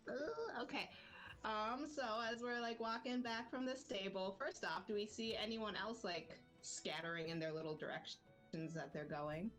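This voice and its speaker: A woman's voice: medium pitch, fairly even intonation, moderate pace, a bit bright, faint music behind. A woman player in a tabletop game who describes her character's actions in an eager, chatty way. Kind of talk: casual tabletop play.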